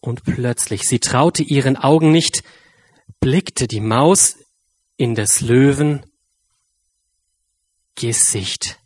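A man reading a rhyming children's story aloud with a lively, drawn-out delivery. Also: medium pitch, husky, dry recording.

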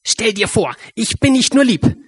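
A man voicing a tiny, timid female mouse who speaks in a squeaky, hesitant, stammering way. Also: lively intonation, normal speed, breathy edge, no echo, full character voice. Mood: hopeful.

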